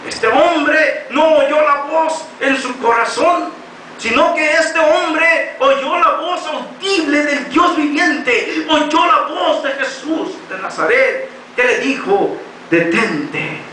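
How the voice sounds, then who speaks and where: A high-pitched male preacher with a Mexican accent, his bright voice ringing out through a very echoey church hall. He preaches with passion and often breaks into shouts. The mic sits some way off from him, and a faint room noise hangs behind. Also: takes it slowly, distant mic. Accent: Mexican Spanish. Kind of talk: sermon.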